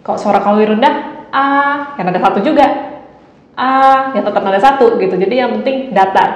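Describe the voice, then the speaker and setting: A young woman from Indonesia hosting a casual Mandarin lesson, chatting along and demonstrating tones with drawn-out syllables. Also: mid-range voice, darkish tone. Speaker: Mandarin teacher, channel host. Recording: slightly dull, roomy, faint hiss.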